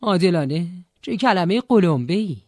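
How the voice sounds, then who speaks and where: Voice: mid-range voice, lively intonation, darkish tone, no room sound, clean studio sound. A narrator voicing a bitter, resentful young man, a former band drummer, who talks angrily and sarcastically in an audiobook. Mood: sarcastic. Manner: angry, sarcastic, raised voice. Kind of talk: audiobook character voice.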